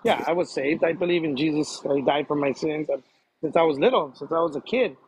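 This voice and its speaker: In a casual interview about faith, a man answers hesitantly, repeats himself, and laughs easily. His voice is on the high side and brisk, and the poor audio carries a little hiss or hum.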